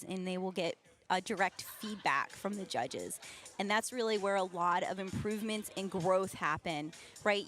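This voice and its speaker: A woman's voice: medium pitch, fairly bright tone. A woman hosting an event stream, explaining things in a conversational, casual way. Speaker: event livestream host. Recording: music playing behind the voice. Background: music.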